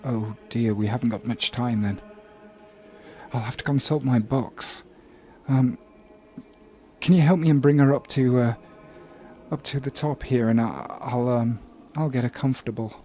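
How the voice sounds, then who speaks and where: A man's voice: mid-range voice, mellow, faint music behind, lightly acted. A man voicing a nervous, bookish priest in a tabletop game, who stammers and worries aloud. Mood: alarmed. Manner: anxious, halting, stammering. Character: fretful bookish male temple priest.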